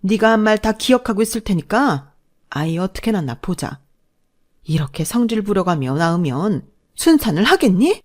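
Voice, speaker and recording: A woman voicing a sharp-tongued older mother-in-law who scolds and mocks her daughter-in-law in a storybook reading. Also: very animated, moderate pace. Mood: threatening. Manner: scolding, shrill outbursts.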